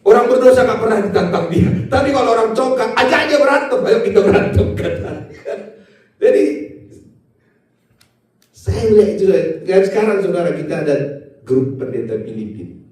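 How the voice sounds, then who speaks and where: A middle-aged male pastor preaching a sermon with playful storytelling, swinging between loud and soft. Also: sits high, sing-song, a little fast, long pauses. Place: church hall. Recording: echoey church hall, mic from far off.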